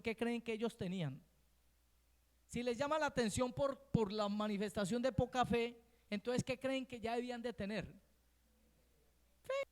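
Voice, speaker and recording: A man's voice: extremely high pitch, long reverb tail. A man preaching a sermon as pastor, often checking in with the congregation with short questions. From Colombia. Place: church hall.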